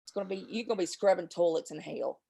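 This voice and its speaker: A woman's voice: lowish voice, quick pace, vocal fry, warm tone, slightly rough. A woman hosting a livestream, talking in a heated, profane, rambling way, stuffy with a cold and a sore throat. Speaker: livestream host. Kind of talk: casual chat and angry rant.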